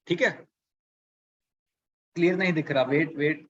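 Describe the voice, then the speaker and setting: A man with a fairly high voice leads a live online workshop on productivity. He keeps asking his audience rhetorical questions and walks through arithmetic one step at a time. The webinar audio sounds dull and lo-fi. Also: a little slow, fairly bright tone, breathy edge. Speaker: online business coach.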